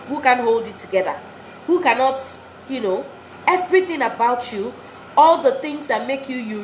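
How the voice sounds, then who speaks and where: A woman giving an earnest motivational talk to wives, exhorting and repeating phrases for emphasis. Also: sits high. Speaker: speaker addressing wives. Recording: roomy echo, faint background noise.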